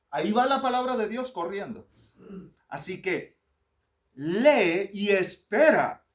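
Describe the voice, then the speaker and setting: Lively pastor giving advice. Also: male voice, on the high side. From Honduras. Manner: lively, joking, mimics accents and pronunciations. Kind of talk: teaching talk to church readers.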